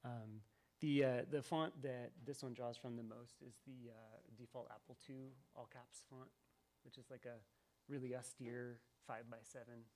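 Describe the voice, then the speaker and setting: A game developer giving live commentary to an audience, talking in a thoughtful, rambling way with many ums and restarts. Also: male voice, mid-range voice, fairly even intonation, moderate pace, darkish tone. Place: event venue with audience.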